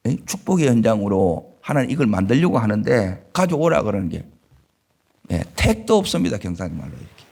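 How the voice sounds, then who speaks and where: Gyeongsang pastor, husky and animated. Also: male voice, medium pitch. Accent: Gyeongsang Korean. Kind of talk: sermon. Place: church sanctuary.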